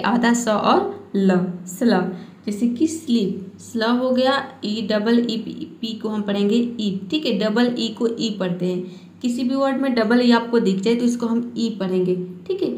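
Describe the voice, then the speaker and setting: Echoey-voiced woman teaching English spelling. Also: on the high side. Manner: patient, repeats each point with "ठीक है". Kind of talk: explaining spelling and pronunciation rules. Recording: echoey room.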